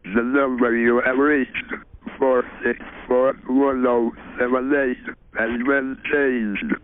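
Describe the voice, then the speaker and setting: An early computer-synthesized male robot voice reading a recorded phone announcement in a slow, evenly spaced machine delivery. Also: mid-range voice, steady tone. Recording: tinny lo-fi archival audio.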